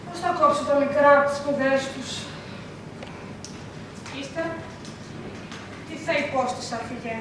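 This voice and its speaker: A woman's voice: sits high, background noise, natural voice. A woman acting an anxious, devout mother in a school stage play, lamenting and pleading, recorded from far off on an echoey stage. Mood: despairing. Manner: fervent, prayerful, lamenting. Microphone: distant camera mic.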